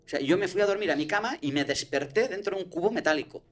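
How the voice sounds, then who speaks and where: A man's voice: sits high, animated, quick pace. A man, telling a personal story in casual conversation, swearing and restarting often.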